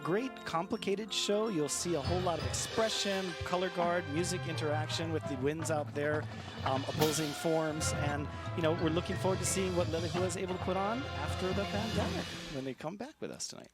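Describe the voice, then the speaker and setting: A man's voice: fairly high pitch, fairly quick. A man co-commentating on a live event in a conversational style. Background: loud music.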